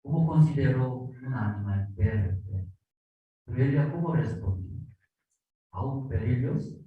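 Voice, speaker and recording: This pastor from South Korea speaks at normal speed in a mid-range voice with lively intonation, his Korean accent coloring a simple, repetitive Spanish sermon packed with rhetorical questions and Bible reading. Sound comes through thin and tinny, distant and echoey like an online service.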